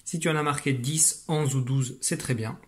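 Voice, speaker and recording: A medium-pitched man speaking at normal speed teaches young children a reading lesson over video. He's a primary school teacher recorded at his desk computer at home, explaining patiently and encouraging the class.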